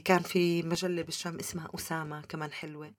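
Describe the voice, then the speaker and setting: A woman's voice: deep voice, level tone, quick pace, no room sound, clean studio sound. A woman with a Palestinian Levantine Arabic accent, telling personal stories as a guest in a conversational interview.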